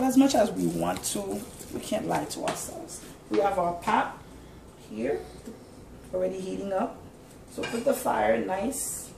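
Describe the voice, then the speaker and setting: In her echoey home kitchen, a cooking host with a mid-range, fry-tinged voice chats and explains each step while she cooks. She's recorded on a camera mic from across the room, with noise in the background.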